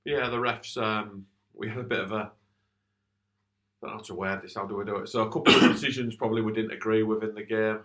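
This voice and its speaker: Low-voiced man venting about refs. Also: steady tone, fast talker, a bit bright. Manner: plain-spoken, frustrated, many restarts. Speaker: futsal coach and podcast co-host. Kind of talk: casual podcast chat.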